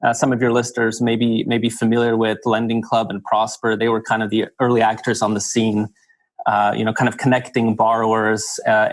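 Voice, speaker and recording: A man's voice: lowish voice, no room sound. A man in his thirties with an American accent, a guest on an interview podcast, speaking in a thoughtful, articulate way with many "kind of"s and "you know"s. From Switzerland. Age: 30s. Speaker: guest investor. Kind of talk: casual interview chat.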